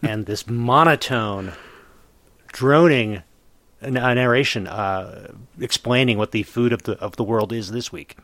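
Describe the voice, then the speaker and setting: A man co-hosting a podcast, speaking in a thoughtful, measured way with the odd stumble. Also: medium pitch, fairly bright tone, no room sound. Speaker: podcast co-host. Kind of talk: casual chat reviewing a cartoon.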